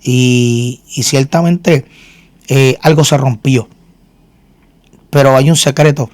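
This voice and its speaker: A man's voice: medium pitch, slow, darkish tone, no room sound. A man speaking earnestly in a faith interview, in an ordinary middle voice. He often restarts and repeats words as he gives his testimony. The sound is dry and close. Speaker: guest minister and singer.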